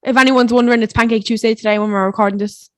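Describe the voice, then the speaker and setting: Lively higher-voiced young woman chatting. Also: no room sound. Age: 20s. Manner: animated, reminiscing, quick to laugh. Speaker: podcast co-host. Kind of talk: casual chat. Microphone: video call.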